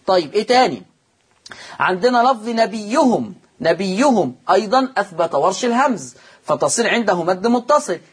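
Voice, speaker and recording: A man with an Egyptian accent teaching Quran recitation rules, patiently explaining and repeating words slowly for emphasis. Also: high-pitched, very animated, breathy edge. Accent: Egyptian Arabic. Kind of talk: televised religious lesson.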